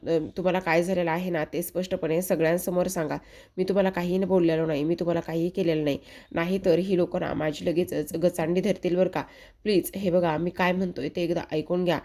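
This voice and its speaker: A woman reading the lines of a flustered young man who keeps insisting he did nothing, in a low, mellow voice close to her own. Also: steady tone, brisk, close to an everyday voice. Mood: pleading. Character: flustered young man pleading his innocence.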